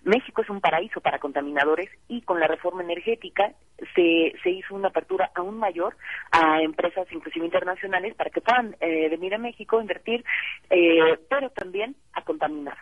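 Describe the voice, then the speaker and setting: A woman's voice: on the low side, a little fast, breathy edge, no room sound. Woman on a tinny phone line. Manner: earnest, many "eh" fillers. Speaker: phone guest, Greenpeace campaign coordinator. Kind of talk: interview over the phone. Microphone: telephone.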